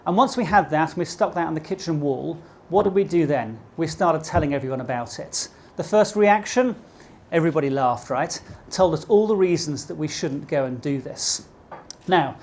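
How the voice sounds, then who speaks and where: A man's voice: fairly high pitch, normal speed, a little mellow, a little hiss or hum. A middle-aged man with a posh British accent gives a motivational business talk to a live audience, engaging listeners with rhetorical questions. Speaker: keynote speaker. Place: speaking live at an event before an audience.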